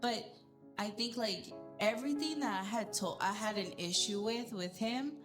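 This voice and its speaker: Animated young woman telling stories. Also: fairly high pitch, normal speed. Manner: animated storytelling, acts out quotes. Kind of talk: casual chat. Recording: echoey room with music behind.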